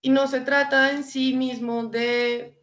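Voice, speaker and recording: A woman's voice: high voice, flat delivery, slow, a bit bright. Woman giving a chatty talk. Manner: conversational, frequent fillers and light laughs. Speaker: invited guest speaker. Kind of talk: informal educational talk. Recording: dull lo-fi recording.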